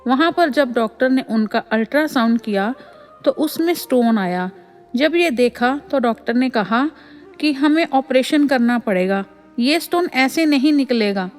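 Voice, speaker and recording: Lady doing devotional voice-over, bit high voice, soft music behind, keeps saying sangat ji. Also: lively intonation, a little slow. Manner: addresses listeners as sangat ji. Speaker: voice-over reader of devotee satsang stories. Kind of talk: devotional first-person story narration.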